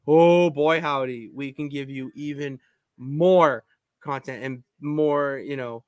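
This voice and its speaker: A man co-hosting a podcast from his home basement, talking in an excitable, rambling way with many restarts. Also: mid-range voice, takes it slowly, dry recording. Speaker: podcast co-host. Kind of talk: casual chat.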